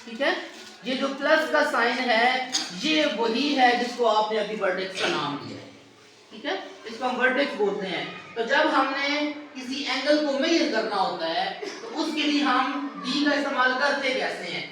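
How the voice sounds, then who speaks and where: A man's voice: very high-pitched, lively intonation, moderate pace, sharp tone. A male teacher giving a math lesson to a class, patiently asking students to repeat key answers. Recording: echoey classroom from far off, faint noise.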